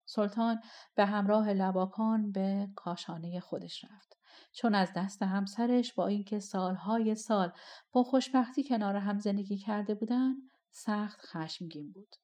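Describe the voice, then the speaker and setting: Female audiobook narrator, colloquial and expressive, mid pitch. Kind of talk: storytelling narration.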